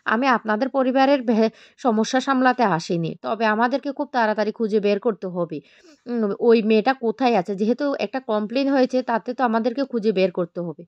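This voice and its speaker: A businesslike police officer, as a woman narrator voices him speaks plainly and to the point. The delivery is fast, with a dull, dry lo-fi sound. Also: fairly high pitch, no room sound, lightly acted. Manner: matter-of-fact.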